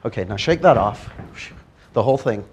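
A man's voice: on the low side, moderate pace. A man leading a live workshop demonstration, coaxing a volunteer in a playful way. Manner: playful, coaxing, animated with a group. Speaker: NLP trainer. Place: training room before a live audience.

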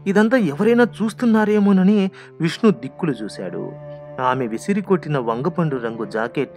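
A man narrating a short story aloud in an expressive, dramatic reading. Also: a little high, normal speed, soft background music.

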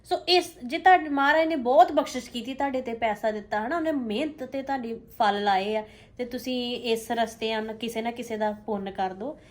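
A woman's voice: on the high side, normal speed. A woman co-hosting a vlog, chatting casually and advising viewers, often checking for agreement with small tag questions. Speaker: vlog co-host. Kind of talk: casual chat, giving advice to viewers.

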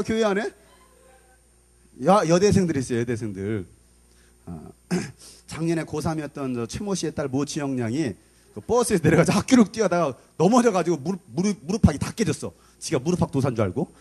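Animated husky male pastor. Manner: animated, acts out scolding mothers in shrill voices. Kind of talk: youth sermon. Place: church hall.

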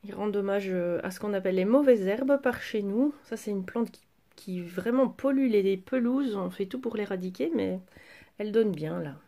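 A woman chatting casually through a craft shopping haul, pausing with fillers as she handles each item. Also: mid-range voice, dark tone. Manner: chatty, hesitant fillers while handling items. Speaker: craft vlogger. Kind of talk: casual haul show-and-tell.

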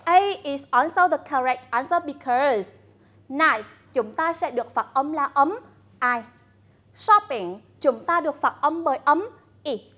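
High, slow-speaking Vietnamese woman teacher. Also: lively intonation, pushed and bright. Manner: slow, deliberate, coaxing prompts to students. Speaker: English teacher. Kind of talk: bilingual classroom lesson.

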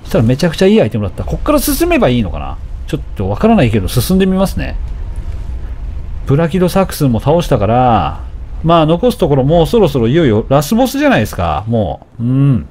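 A man giving casual, animated commentary while playing a game, often taunting enemies and shouting at the screen. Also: mid-range voice, quick pace, a little hiss or hum. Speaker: let's play commentator.

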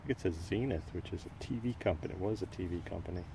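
Low, gravelly man narrating outdoor finds. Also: racing. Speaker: metal detecting host. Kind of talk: casual field narration of finds. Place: outdoors in a wooded park. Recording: clear outdoor background noise.

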